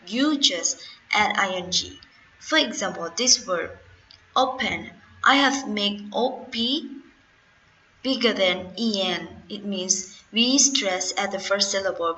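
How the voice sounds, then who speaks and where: A young woman teacher with a Khmer accent walks through an English grammar lesson at an unhurried pace. Her voice is bright and crisp, and she spells out letters one by one with patient care. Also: mid-range voice, low-quality recording. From Cambodia.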